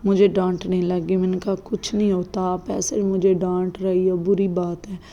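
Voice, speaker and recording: Mother vlogging at home, mellow. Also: fairly low pitch, level tone, normal speed, muffled recording. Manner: chatty, rambling, quotes her children. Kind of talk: casual vlog narration.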